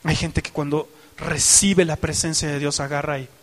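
A man's voice: on the high side, moderate pace, in a large hall. A male preacher giving a dramatic sermon, acting out tearful and joyful prayer. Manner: animated, dramatic, acts out crying and joyful prayer.

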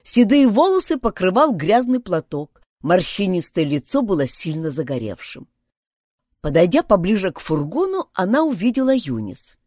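A woman narrating a children's detective story in an expressive reading voice. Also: on the low side, moderate pace, no echo, studio quality. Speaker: audiobook narrator.

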